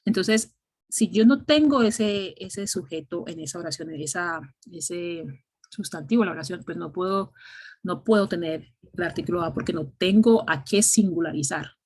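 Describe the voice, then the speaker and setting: Husky-voiced woman teaching English grammar. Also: on the low side, moderate pace. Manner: patient, explains step by step, checks with "ok?". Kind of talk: online class explanation.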